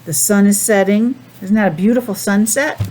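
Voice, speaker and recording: Reading a picture book to young children, a woman teacher keeps things animated, breaking off for chatty asides and simple questions aimed at the little ones. Her voice is mid-range and her pace moderate, though the recording is rough.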